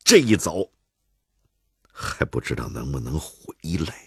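A man's voice: a bass voice, very animated, unhurried, a bit bright, slightly rough, no echo, studio quality, heavily acted. A man with a Beijing accent voicing a jovial, stubborn old Beijing bird fancier who jokes wryly. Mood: rueful. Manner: wry joking banter.

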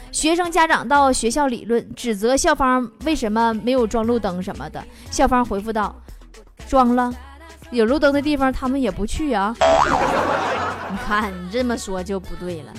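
Lively woman telling comic stories over music. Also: sits high. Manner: teasing, laughs at her own jokes. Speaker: host. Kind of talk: comic storytelling show.

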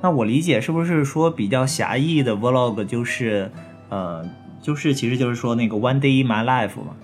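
A man co-hosts a relaxed podcast chat. He puts the questions and sums up his guest's points in a middle-pitched voice. Soft music runs underneath. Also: moderate pace.

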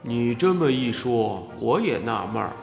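A storyteller voicing a huge, mocking ox-headed male giant in a slow, heavy drawl, with a cavernous echo laid over it. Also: mid-range voice, sing-song, gravelly, darkish tone, voice pushed down, full character voice. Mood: puzzled. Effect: cavernous echo added. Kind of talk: audiobook character voice. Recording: echoey, distant hall reverb over music.

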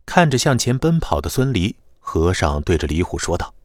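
A man narrating a web novel audiobook in a lively, dramatic storytelling manner. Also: deep voice, moderate pace, dry recording, clean studio sound.

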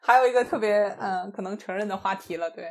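Woman explaining things in relaxed chat. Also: medium pitch, fast. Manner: explanatory, laughs easily, conversational fillers. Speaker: podcast guest. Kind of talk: casual podcast chat.

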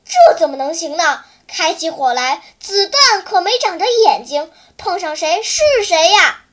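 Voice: big pitch swings, moderate pace, heavily acted. Figure: firm guerrilla captain, voiced by a storyteller. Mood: firm urging. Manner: urgent and low-voiced, stern then gentle. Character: firm, kindly adult male guerrilla captain.

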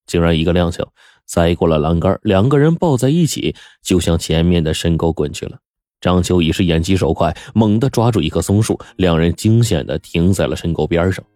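Give me a deep-voiced male storyteller with a dry close sound and faint background music. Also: no echo. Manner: lively, animated. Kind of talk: storytelling narration.

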